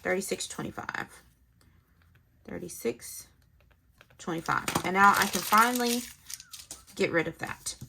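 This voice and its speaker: A planner vlogger, a young woman, works on her budget planner while chatting casually, murmuring figures and thinking aloud. Her voice sits on the low side and is creaky, her pace measured with long pauses, against a noisy background.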